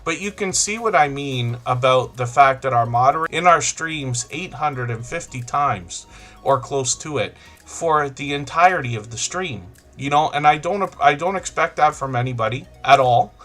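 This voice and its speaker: A man's voice: medium pitch, expressive, normal speed, fairly bright tone, soft background music. A middle-aged man hosting a casual livestream, chatty and rambling as he greets viewers by name. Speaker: livestream host. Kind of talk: casual live-stream chat.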